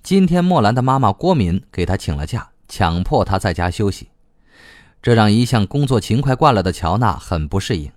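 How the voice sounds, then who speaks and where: A man narrating an audiobook story in an expressive reading style. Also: on the low side, moderate pace, dry recording, clean studio sound.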